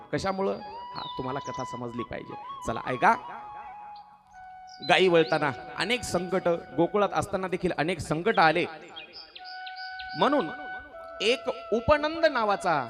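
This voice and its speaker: A male devotional preacher telling a sacred story in a sermon, questioning his listeners and sometimes breaking into song. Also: high voice. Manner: exhorting, questions the audience and answers.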